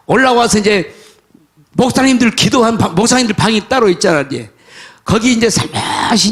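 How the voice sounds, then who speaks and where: High-voiced older Korean pastor preaching. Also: male voice. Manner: folksy storytelling preacher, swings from soft mutters to shouts. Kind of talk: sermon.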